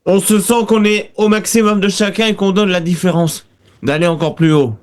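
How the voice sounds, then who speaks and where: A man's voice: high voice, steady tone, normal speed, a little mellow. A man, a band member answering in a radio interview, with short, repetitive replies.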